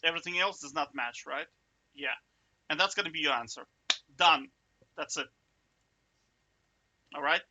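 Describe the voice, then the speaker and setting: A man's voice: fairly high pitch, normal speed, long pauses, pushed and bright. A man giving a casual, chatty coding walkthrough, thinking aloud and checking in with the viewer. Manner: chatty, self-interrupting, jokey asides; checks in with "right?" often. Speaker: coding tutor.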